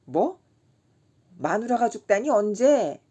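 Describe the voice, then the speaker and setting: A woman's voice: medium pitch, very animated, takes it slowly, mellow, husky, pitched above the performer's own voice, full character voice. A woman voicing a wary, scolding middle-aged male drinking companion in an audiobook. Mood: skeptical. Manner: scolding, skeptical.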